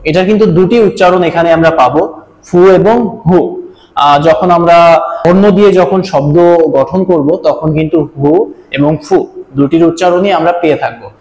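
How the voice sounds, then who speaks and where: A man's voice: on the high side, normal speed, a little mellow. A man teaching a step-by-step video lesson on writing Japanese letters, explaining patiently with small fillers. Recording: echoey room.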